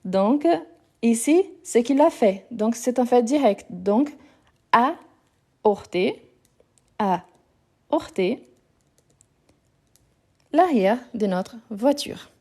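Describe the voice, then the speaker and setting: A woman's voice: on the high side, expressive, slow pace, mellow. A woman teaching a live grammar lesson over her phone, explaining patiently, repeating words and correcting herself as she goes. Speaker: French teacher.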